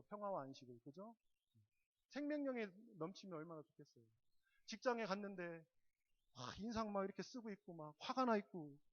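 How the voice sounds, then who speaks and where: A man preaching a sermon as pastor. He swings from loud, emphatic stresses to soft, low asides and keeps asking the congregation questions. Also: dull audio. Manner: asks the congregation repeated questions. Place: church service.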